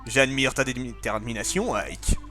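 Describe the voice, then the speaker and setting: A man voicing a stern middle-aged mercenary father in a video game with a gruff, deeper voice. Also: a little slow, bright, forceful tone, faint music behind. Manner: gruff, deeper, more manly.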